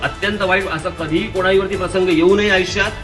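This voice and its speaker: A man with a high voice argues indignantly in a news clip, pressing his point hard. Clear music sits under his voice. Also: fairly even intonation, fast. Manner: indignant, argumentative.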